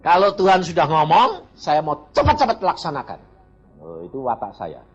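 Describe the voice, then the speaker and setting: A man's voice: a little high, huge pitch swings, normal speed, breathy edge. An older Indonesian man preaching a blunt, plainspoken sermon and acting out his quoted exchanges. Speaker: evangelist preacher. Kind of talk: sermon with personal testimony. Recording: dull lo-fi sermon recording with faint music.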